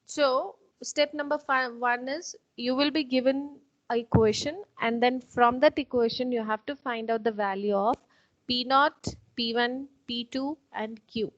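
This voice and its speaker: A woman's voice: on the high side, steady tone, a little slow, no echo. Woman teaching math online. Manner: patient, step-by-step explaining. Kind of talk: online class lecture. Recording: dull, dry online-call audio.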